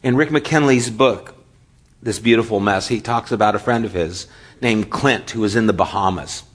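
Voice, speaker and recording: A man preaching a sermon as a pastor, telling a story with lively acted-out quotes and drops to a hushed, near-whispered voice. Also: on the low side, normal speed, husky.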